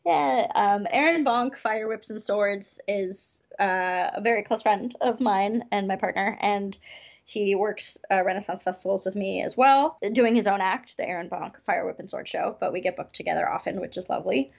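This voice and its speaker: Gravelly-voiced upbeat woman performer. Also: mid-range voice. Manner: chatty, upbeat, quick asides. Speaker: festival variety performer. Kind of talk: casual interview chat. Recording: dull lo-fi sound.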